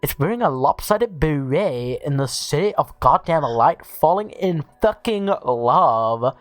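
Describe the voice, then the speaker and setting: A man voicing a bubbly teenage girl in a Valley Girl voice, reading a webcomic aloud in character with sing-song, drawn-out calling. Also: fairly high pitch, expressive, a bit bright, no echo.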